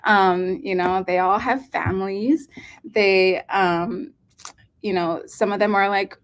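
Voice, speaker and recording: A woman in her thirties from Hawaii, speaking as a pediatric nephrologist guest in an earnest, unhurried way with many um fillers. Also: mid-range voice, steady tone. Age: 30s. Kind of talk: casual interview talk.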